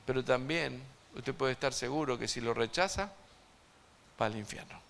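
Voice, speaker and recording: A man preaching an evangelistic sermon to a congregation, emphatic and swinging between loud and hushed, asking his listeners direct questions. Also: medium pitch, moderate pace, creaky, a little hiss or hum. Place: church service before a congregation.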